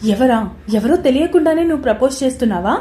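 A woman voicing a scheming young woman who loudly accuses her lover in a romance story. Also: sits high, expressive, fast talker. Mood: angry. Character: scheming young woman, birthday girl, jealous. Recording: roomy echoey recording.

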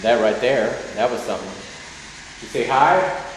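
A man's voice: medium pitch, a little slow. A man investigating a haunted old jail, chatting casually and calling out to spirits. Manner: questioning, chatty, addresses spirits. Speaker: paranormal investigator. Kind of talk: casual ghost-hunting chat. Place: large echoey old jail indoors. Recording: echoey hall, noisy handheld camera audio.

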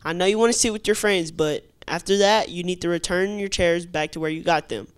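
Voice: medium pitch, fairly quick, clear, resonant tone. A teenage student co-hosting a school news show, reading reminders in a plain, matter-of-fact way with teasing asides.

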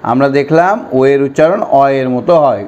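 A primary school teacher speaking slowly and patiently, drilling words and sentences for young children in an online lesson. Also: male voice, mid-range voice, animated, a little mellow, highs cut off. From West Bengal, India.

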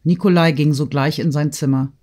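A man narrating a classic novel audiobook in a measured, literary reading. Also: a little high, steady tone, a little mellow. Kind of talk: scripted narration.

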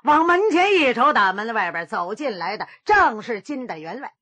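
A woman's voice: a little high, sing-song, moderate pace, bright, forceful tone, slightly rough, no room sound. Woman, pingshu storyteller, dramatic, vocal sound effects, dry close sound.

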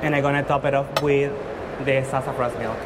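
A man's voice: medium pitch, fairly even intonation, fairly quick. A man in his thirties from Guatemala, speaking English, earnestly presenting his drink to judges with frequent fillers and restarts. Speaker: competing barista. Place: large indoor exhibition hall. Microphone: far camera. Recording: loud hall noise from far off.

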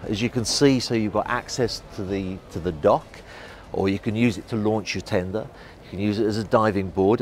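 A man's voice: lowish voice, a little mellow, slight background noise. A middle-aged man giving an enthusiastic walkthrough tour of a yacht, guiding the viewer as he walks. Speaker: yacht reviewer. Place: outdoors on a yacht deck and inside its saloon at a boat show.

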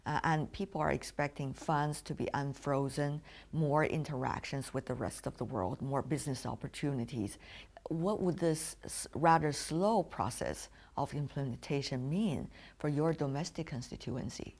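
A woman conducting a formal interview, putting long, deliberate questions as the interviewer. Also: deep voice, darkish tone.

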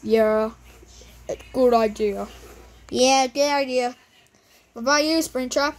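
A woman's voice: high-pitched, takes it slowly, slight background noise, rough recording. A woman improvising a plush puppet show, rambling with lots of fillers and switching between character voices.

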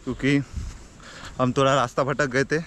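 A motovlogger in his twenties narrates a casual travel vlog at normal speed in a mid-range, fairly bright but flat voice, upbeat as he shows off the views. He treks the hills and rides a motorbike in the rain, holding an action camera at arm's length while on foot. The audio is dull and lo-fi, with wind and traffic noise.

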